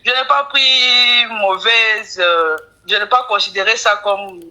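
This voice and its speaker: A woman with a Congolese accent telling her story as a deferential caller, in halting, broken French as a non-native speaker with grammar slips. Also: mid-range voice, sharp tone, rough recording. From Kinshasa, Congo. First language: not French; speaks it with difficulty. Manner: deferential, often addressing the coach by title. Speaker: caller to a live coaching show. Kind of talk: personal storytelling.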